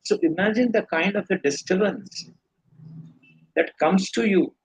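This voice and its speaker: A man with an Indian accent answers questions live, offering spiritual teaching through earnest, meandering explanations full of restarts. His high-pitched voice has a breathy edge and a measured pace, and the recording is rough.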